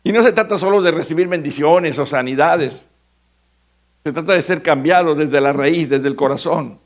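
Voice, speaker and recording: With a voice on the high side and a moderate pace, this Mexican Spanish-accented pastor delivers his sermon dramatically. He voices biblical figures himself and moves between shouting and hushed speech.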